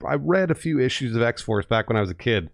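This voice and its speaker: A man as a podcast guest, chatting casually in an animated way and laughing easily. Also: mid-range voice, fairly quick, gravelly, no room sound, studio quality. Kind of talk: casual chat.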